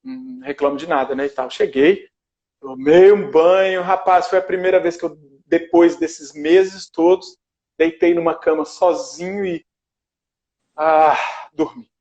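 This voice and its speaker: On a video call from his shared house, a guest tells a story in casual conversation, animatedly acting out what people said to him. His voice is on the high side, his pace measured, and the audio sounds dull.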